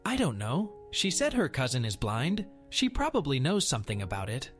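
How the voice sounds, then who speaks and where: A man's voice: mid-range voice, wildly swooping pitch, moderate pace, fairly bright tone, soft background music. A man voicing a hesitant, unhelpful male security guard in a story narration. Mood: unsure. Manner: unsure, wavering.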